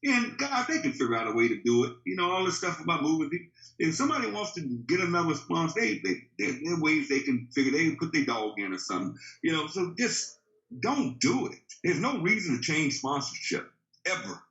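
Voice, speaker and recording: A man in his fifties delivers a motivational training talk in an emphatic, preachy way, hammering points home with rhetorical questions. His voice sits a bit high for a man. The recording is roomy and slightly dull. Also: big pitch swings, a little fast, fairly bright tone. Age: 50s. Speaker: network marketing trainer.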